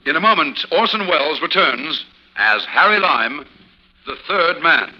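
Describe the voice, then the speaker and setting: A man's voice: on the high side, lively intonation, measured pace. A man announcing in the style of 1950s radio drama. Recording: noisy 1950s radio recording.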